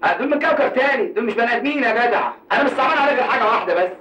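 An actor playing a cowardly, joking working-class Cairo man with an Egyptian Arabic accent and rapid streetwise banter. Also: extremely high pitch, expressive, sharp tone, highs cut off, slight background noise, full character voice. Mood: defensive joking. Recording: echoey film sound, mic far off.

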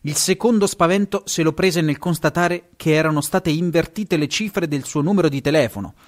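A man's voice: a little high, normal speed. A man with an Italian accent, reading a story aloud on his show, now and then stumbling and correcting himself. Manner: lively, stumbles and corrects himself, chuckles at asides. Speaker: podcast host and story reader.

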